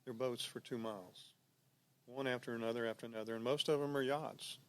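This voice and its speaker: A man who is a guest on the show tells relaxed, easygoing anecdotes in casual conversation. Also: mid-range voice, a little fast.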